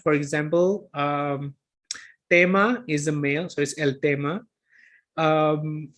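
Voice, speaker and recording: Slow, higher-voiced lecturer. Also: male voice, fairly bright tone. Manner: hesitant, filler-heavy, self-correcting. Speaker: guest lecturer. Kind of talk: online Q&A talk. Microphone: video call.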